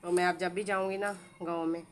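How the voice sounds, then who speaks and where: A woman's voice: fairly low pitch, level tone, fairly quick, noisy background. A middle-aged woman with a Pakistani Urdu accent, chatting through a home cooking tutorial with homely, rambling asides. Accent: Pakistani Urdu, village Saraiki-like dialect. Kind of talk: casual cooking tutorial chat.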